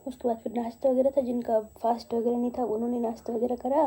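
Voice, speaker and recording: A woman vlogging casually on a handheld phone at home and on the rooftop. She talks fast and rambles chattily. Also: a little high, flat delivery, mellow. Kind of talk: casual home vlog chat. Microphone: handheld phone camera.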